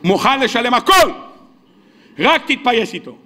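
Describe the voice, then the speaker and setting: High, bright-voiced rabbi preaching. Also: male voice. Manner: animated, acts out dialogue, questions the audience. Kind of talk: sermon with storytelling. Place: weekly sermon hall.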